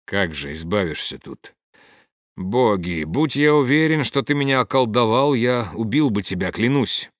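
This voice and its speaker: A man reading the part of a hard, cynical mercenary, curt and gruff, in an audiobook. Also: mid-range voice, lively intonation, moderate pace, no echo, studio quality, natural voice.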